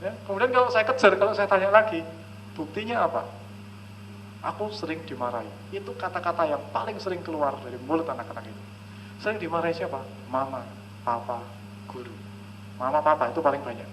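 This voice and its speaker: A man's voice: on the high side, quick pace, a bit bright, slight background noise, poor audio. A man speaking as a counselor at a live seminar, who often checks in with the audience and acts out conversations between parents and children.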